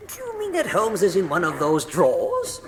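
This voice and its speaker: A man's voice: high-pitched, huge pitch swings, normal speed, a crowd in the background, exaggerated voice. A man playing an earnest, loyal doctor in a radio drama, with a blustery, exclaiming manner. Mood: astonished. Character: earnest, honest English doctor, loyal and easily astonished.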